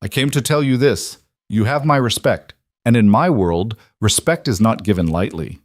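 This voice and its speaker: A man voicing a huge scarred male fighter who talks slowly and gravely, with a heavy accent and broken grammar. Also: fairly low pitch, expressive, no room sound, studio quality, lightly acted. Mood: solemn.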